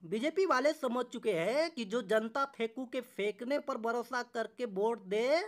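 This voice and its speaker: A woman reads posts aloud slowly and evenly, her voice a little high. The delivery is unhurried voice-over reading. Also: expressive.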